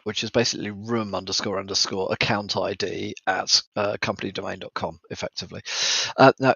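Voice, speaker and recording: A man with a croaky, cold-affected voice gives an informal news briefing as host, speaking haltingly with frequent ums and broken phrases. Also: fairly low pitch, fairly bright tone, no room sound, dull audio.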